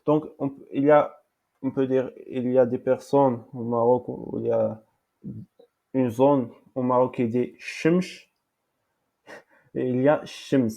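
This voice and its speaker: A man giving a language lesson in French, slowly repeating words, with many fillers and pauses. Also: medium pitch, little pitch movement, gravelly, dark tone. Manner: halting, many fillers and repetitions. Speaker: language teacher.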